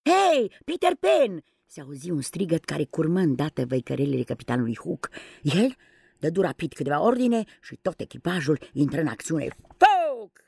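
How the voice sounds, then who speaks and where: A woman reads a children's fairy tale aloud with expressive, dramatic phrasing. Her voice is low and husky with a gravelly edge, and her pitch moves widely. The recording is close and dry. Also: dry recording. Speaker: audiobook reader. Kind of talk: storybook narration.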